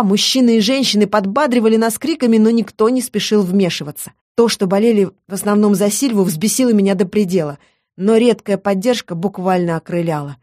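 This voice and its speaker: A woman reads a first-person audiobook in a lively, expressive manner, with a mid-range voice. The recording is dry and close, with no room sound at all. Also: mid-range voice, dry recording. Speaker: audiobook narrator.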